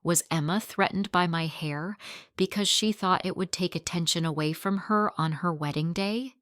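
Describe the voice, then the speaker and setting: A woman reading a first-person story aloud in plain, steady storytelling. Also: on the low side, normal speed, dry recording, studio quality. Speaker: narrator.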